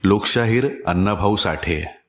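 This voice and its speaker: A man with a Marathi accent reading a short story aloud in an expressive, theatrical way, in an echoey room. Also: on the low side, measured pace. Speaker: story reader. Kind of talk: dramatic narration of a short story.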